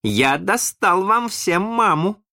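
A man voicing a boastful, excitable boy leader in a read-aloud storybook, in a high, bright boyish voice. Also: slow, exaggerated voice. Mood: cheerful, boastful.

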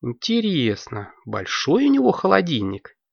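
A curious, practical young girl wizard asks and comments, as a storyteller puts her on. Her voice is raised and lively. The recording is dull and dry. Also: medium pitch, measured pace, gravelly, husky, no echo, voice pushed up, exaggerated voice.

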